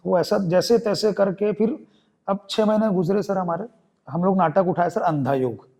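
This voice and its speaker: This young man from Chhattisgarh, a theatre performer, shares his personal story in an interview podcast while voicing the people he describes. His Chhattisgarhi Hindi-accented voice is high and darkish, delivered at a moderate pace.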